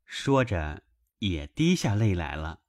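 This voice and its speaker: 语调起伏的男声古典小说朗读. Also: male voice, low-pitched, dry recording, clean studio sound. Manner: measured, expressive storytelling. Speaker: narrator. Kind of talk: reading a classic novel aloud.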